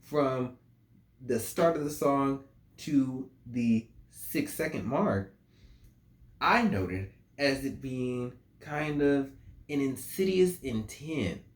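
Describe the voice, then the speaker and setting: A man picks apart a song's lyrics at an unhurried pace, musing aloud as he goes. His mid-range voice carries a roomy echo. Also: mid-range voice, lively intonation. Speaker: music reviewer. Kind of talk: casual song analysis. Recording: roomy, echoey room.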